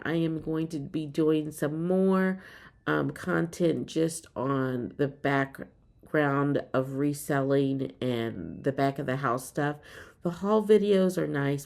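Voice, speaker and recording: A woman in her fifties talks casually to her viewers in a vlog, upbeat and full of ums. Her voice sits very low, with a gravelly, fried edge. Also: a little mellow. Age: 50s. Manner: chatty, frequent ums, upbeat. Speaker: reseller vlogger. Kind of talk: casual chat to camera.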